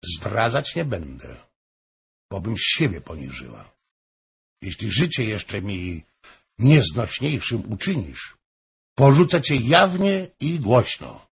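A man voicing a proud, defiant young noblewoman in an audiobook, with a gravelly, husky voice. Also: deep voice, sing-song, slow, long pauses, full character voice. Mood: cold, firm.

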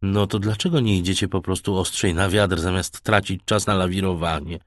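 A man's voice: deep voice, fairly even intonation, a little fast, no echo, clean studio sound, lightly acted. A man voicing a brusque, doubting middle-aged ship's master in an audiobook. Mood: doubtful.

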